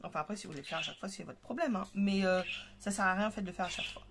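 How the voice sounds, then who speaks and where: A woman talks through her craft steps in a relaxed, rambling way, full of little fillers. Her voice sits at an ordinary pitch. The home recording carries clear background noise with birds chirping. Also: very fast. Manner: chatty, thinks aloud with many fillers. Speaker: craft tutorial host. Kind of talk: casual craft demonstration. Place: home craft table with parakeets and kids nearby.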